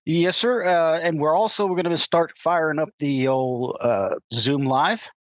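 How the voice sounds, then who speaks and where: A man with a Texan accent co-hosting a sports podcast, his voice still raspy from illness, talking casually with frequent repeated words. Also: on the high side, unhurried, no echo, highs cut off. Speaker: podcast co-host. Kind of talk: casual chat.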